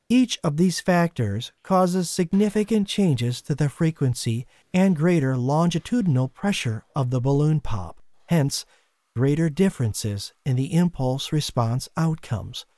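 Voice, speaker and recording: A man giving scripted documentary narration in a measured, explanatory way, recorded as a voice-over. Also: fairly high pitch, a little mellow, dry recording.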